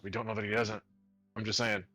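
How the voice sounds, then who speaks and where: Blunt, skeptical tabletop player. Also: male voice, lowish voice, flat delivery, brisk, pushed and bright, dry recording, soft background music. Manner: blunt, skeptical, swears casually. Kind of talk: casual tabletop chat.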